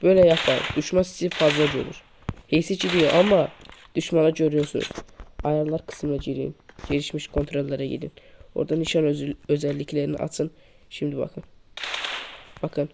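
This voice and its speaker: A mobile shooter tips creator talks at a moderate pace in a level voice with vocal fry, giving a casual gameplay tutorial over screen recording. He repeats and demonstrates each tip, addressing viewers as friends. His poor-quality mic also picks up loud game gunfire and clicks in the background.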